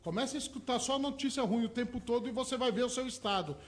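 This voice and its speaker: Brief: man, hypnotherapist guest on radio, high voice, eager, piles up everyday examples. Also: fast talker. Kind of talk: radio interview. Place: radio studio.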